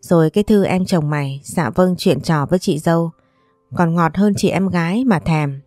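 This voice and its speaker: A cheeky young woman, voiced by a woman narrator ribs her friend with chatty, joking banter. The voice is low and mellow. The sound is dry and close. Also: moderate pace, no echo, soft background music, lightly acted. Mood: teasing.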